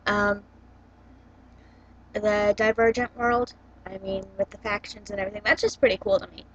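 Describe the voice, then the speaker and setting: A woman's voice: mid-range voice, steady tone, normal speed, gravelly, a bit bright, a little hiss or hum. Young woman vlogging through a laptop mic. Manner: hesitant, many ums and likes. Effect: recorded through a laptop's built-in mic. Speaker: book vlogger. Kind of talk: casual chatty vlog. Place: room at home by a bookshelf. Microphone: built-in computer webcam mic. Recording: dull lo-fi laptop webcam audio.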